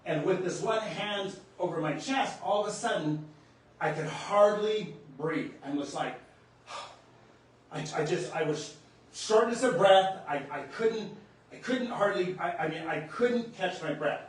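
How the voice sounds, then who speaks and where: A man's voice: sits high, expressive. Earnest man telling a story, echoey room. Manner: earnest, halting, reliving the moment. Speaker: spiritual storyteller. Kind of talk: personal storytelling to camera. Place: room in his home near the kitchen. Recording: echoey room, distant mic, faint background hum.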